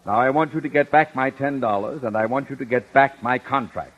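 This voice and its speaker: A man's voice: mid-range voice, a little fast, lightly acted. A man acting a pompous, sputtering middle-aged blusterer. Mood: indignant bluster. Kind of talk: 1950s radio sitcom acting. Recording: muffled, noisy vintage radio recording.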